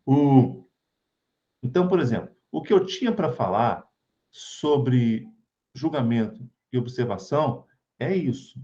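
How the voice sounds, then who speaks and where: A Brazilian-accented man speaking to his spiritist study group by video call keeps the spiritual talk informal, chatting and checking in with tag questions along the way. His medium-pitched voice is warm, animated and unhurried, and the highs are cut off.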